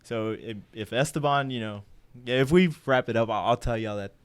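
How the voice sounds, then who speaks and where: A man in his twenties tells a story in a casual chat. His voice is smooth and clear, sitting at an ordinary male pitch. He delivers it in an animated way, swears freely and laughs along with his own tale. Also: a little fast. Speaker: podcast co-host.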